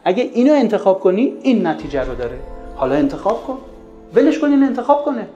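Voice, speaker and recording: Man lecturing, pitch jumping all over, mellow voice, roomy echo with faint music under. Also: very animated, highs cut off. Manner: asks many rhetorical questions. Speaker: religious parenting speaker. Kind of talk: lively lecture retelling a story.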